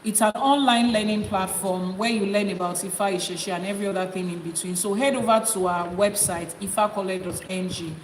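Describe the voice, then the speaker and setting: An Ifá priestess teaches viewers on a live stream in a steady, medium-pitched voice, talking a little fast with few pauses. She coaxes them with repeated questions and breaks into rhythmic chanted invocations that rise through long litanies. The room is echoey and reverberant, with background noise.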